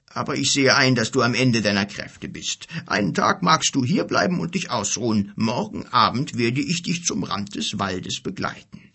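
A man voicing an old, bent and sorrowful king who speaks gravely and with bitterness in a storybook reading. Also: lowish voice, expressive, sharp tone, heavily acted. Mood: compassionate. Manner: grave, bitter, measured speech.

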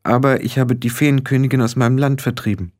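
A man's voice: medium pitch, steady tone, brisk, a little mellow, lightly acted. A man reading an audiobook, voicing a shy, hesitant young witch girl in a slightly raised voice. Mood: timid. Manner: timid, hesitant. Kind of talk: audiobook character voice.

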